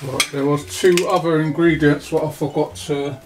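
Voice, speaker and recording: A man's voice: on the high side, fairly even intonation, moderate pace, music in the background. A man hosting a home cooking video, talking through each step in an easygoing way while he works in his kitchen. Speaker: cooking channel host. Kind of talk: casual cooking demonstration.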